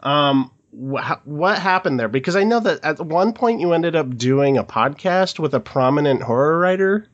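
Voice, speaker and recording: Chatty male podcast host with slight fry. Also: on the high side, lively intonation, muffled recording. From Utah. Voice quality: slight morning vocal fry. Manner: chatty, quick asides with hedging fillers. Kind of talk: casual podcast chat. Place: Los Angeles area.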